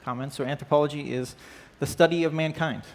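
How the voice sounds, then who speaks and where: This is a man teaching a church class on an indoor stage set up with band equipment, starting things off with a prayer. His voice is fairly high and steady, and he moves at a quick pace. He talks to the class conversationally, checking in with questions and saying "uh" and "right?" a lot.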